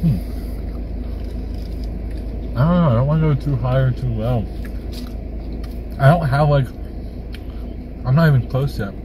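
A man's voice: medium pitch, unhurried, pauses often. A man, the co-host of a casual pizza review, talks hesitantly with his mouth partly full while sitting in a car. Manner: hesitant, unsure. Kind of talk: casual chat. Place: inside a parked car. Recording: noisy car recording. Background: car and street noise.

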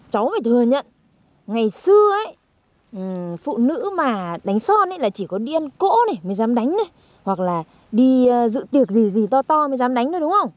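A woman's voice: fairly high pitch, dry recording. A young woman, teasing and chatty as a granddaughter in a comedy skit.

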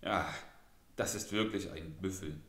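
A man's voice: sits low, unhurried, fairly bright tone, roomy sound. A man voicing a gullible old farmer who muses in a hesitant, puzzled way. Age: older.

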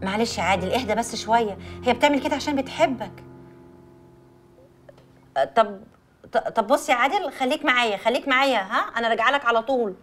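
An actress with an Egyptian accent playing a young woman calming her best friend over the phone. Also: on the high side, quick pace, pauses often, faint music behind, close to an everyday voice. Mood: soothing. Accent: Egyptian Arabic. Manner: soothing, juggling two phone calls. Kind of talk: Egyptian TV drama acting.

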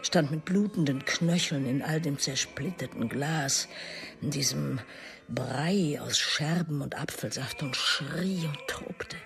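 An actress gives an anguished, exaggerated performance as a bitter middle-aged mother wounded by her estranged son, in an intense radio drama monologue. Her voice sits low and gravelly, slow as it shifts between hushed and emphatic, with faint music in the background.

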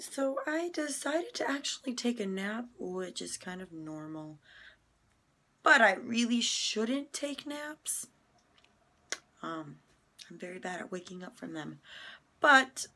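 A young woman in casual vlog chat at home, talking into a phone held at arm's length, chatty and rushed, often dropping into a whisper. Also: mid-range voice, bright, forceful tone. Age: young adult. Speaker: vlogger. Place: home bedroom, indoors.

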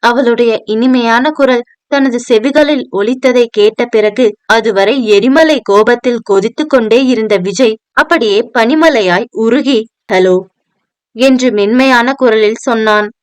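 A woman narrating an audio novel with steady, dramatic storytelling into a close microphone. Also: on the high side, a little slow, clear, resonant tone, no room sound. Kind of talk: scripted narration.

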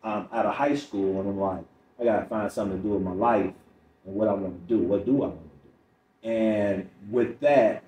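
Here a middle-aged Chicago comedian, guesting on a podcast, narrates stories and replays what people said in a lowish, steady, warm voice that runs a little fast. Faint noise and a roomy, distant mic color the recording.

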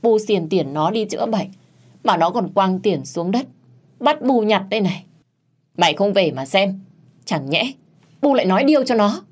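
A woman voicing a scheming old village mother-in-law who wails and scolds in a shrill voice. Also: expressive, moderate pace, long pauses, darkish tone. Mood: shrieking.

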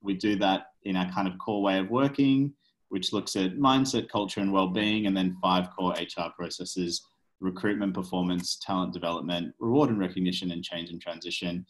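A man with an Australian accent speaking as a panelist on a video call, relaxed and self-deprecating. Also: sits low, normal speed, rough recording. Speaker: panelist, HR consultant.

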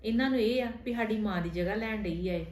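A woman playing a patient stepmother who softly coaxes and pleads with her stepson in a homemade family drama. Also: medium pitch, fast, natural voice. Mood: resigned. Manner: soft, coaxing, affectionate pleading. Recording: roomy room with faint music.

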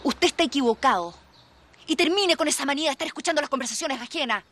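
Telenovela: a scolding housewoman, high and fast. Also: animated, a bit bright. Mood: indignant. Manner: curt, scolding. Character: sharp-tongued proud woman of the house. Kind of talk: telenovela acting.

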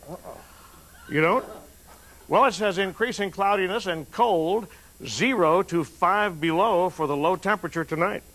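A man's voice: high-pitched, normal speed, a bit bright, rough recording. A middle-aged American man doing off-the-cuff television weather banter. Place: TV studio and outdoor location shoots. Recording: faint background noise, old videotape.

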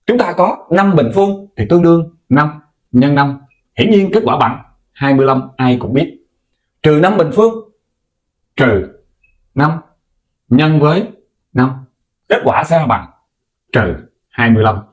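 Man, math lesson, talks straight to viewers, coaxing, somewhat high pitch, very lively intonation. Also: unhurried, pauses often. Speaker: math teacher.

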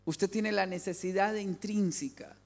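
A man's voice: high voice, fairly even intonation, measured pace, vocal fry, a little mellow. A man giving an emphatic family sermon in a large church hall, repeating key phrases for weight. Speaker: family speaker.

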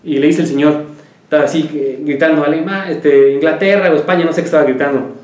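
A man's voice: on the high side, steady tone, fast, darkish tone, reverberant. A man, a health show host who talks casually and tells jokes while giving home remedies. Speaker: naturopathic doctor host.

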